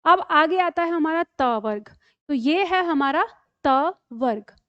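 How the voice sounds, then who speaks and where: A woman's voice: high voice, expressive, slow pace, no room sound, muffled recording. A woman teaching the Hindi syllable chart in an online lesson, patiently reciting each syllable and checking in with learners. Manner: patient, repeats each syllable twice, frequent "theek hai".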